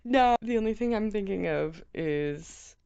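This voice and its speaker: A woman chatting casually as a co-host, rambling and halting through her stories with lots of filler words. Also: mid-range voice, lively intonation, vocal fry, warm tone, clean tone, lo-fi sound. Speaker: co-host of a challenge show. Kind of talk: casual chat.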